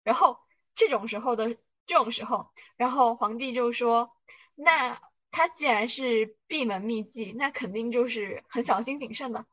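This podcast host talks at normal speed in a slightly high, fairly bright voice, casually retelling drama plots and analyzing hidden motives as she thinks out loud. She leans heavily on fillers, and the audio is poor.

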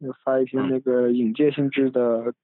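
A man's voice: mid-range voice, flat delivery, normal speed, dry recording. Man chatting on a tinny phone recording. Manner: rambling, many restarts and asides. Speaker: podcast host. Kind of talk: casual academic chat. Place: room in a family home.

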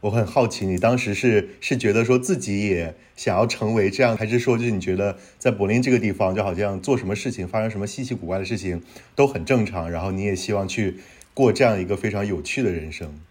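Man, podcast host, low, slightly husky, casual, long curious questions. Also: fast, darkish tone. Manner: asks long, searching questions.

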